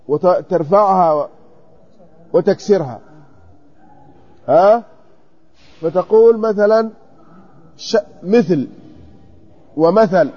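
A man teaching grammar in a classroom, questioning students and repeating word forms slowly. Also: high voice, mellow, highs cut off. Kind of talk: classroom text study.

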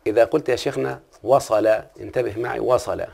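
Gravelly Egyptian man teaching grammar. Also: mid-range voice, steady tone, fast talker, darkish tone. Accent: Egyptian Arabic. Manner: asks the listener frequent check-in questions. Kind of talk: classical Arabic grammar lesson.

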